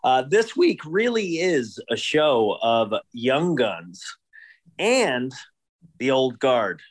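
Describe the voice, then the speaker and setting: Man, podcast host, slow pace, joking and crude, casual chat. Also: mid-range voice, very animated.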